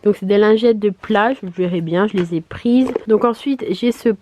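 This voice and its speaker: A woman chatting casually in a vlog, her voice hoarse, congested and duck-like from swollen tonsils, speaking in a chatty, hesitant way. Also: medium pitch, normal speed, mellow, a little hiss or hum. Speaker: vlogger. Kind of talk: casual vlog chat to camera.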